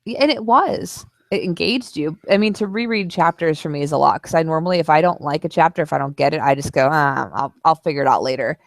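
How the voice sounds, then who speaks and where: A woman's voice: deep voice, fast talker, hardly any pauses, dry recording, studio quality. A woman co-hosting a casual book club discussion, frank and opinionated about what she read.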